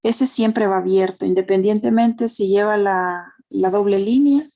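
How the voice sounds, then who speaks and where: This is a woman teaching math online with a Honduran Spanish accent, her mid-range voice dark and a little slow. She explains things step by step, uses diminutives, and checks understanding with tag questions.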